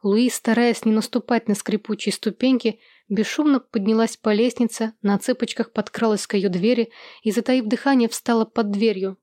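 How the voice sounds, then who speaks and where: A woman narrating a literary novel as an audiobook, in a steady, even storytelling manner. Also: fairly high pitch, moderate pace, dry recording, clean studio sound.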